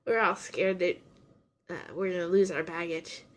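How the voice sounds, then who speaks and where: A young woman hosts a casual anime-review podcast, speaking at a fairly low pitch with a steady tone and moderate pace. She rambles and restarts often, sniffling from a runny nose.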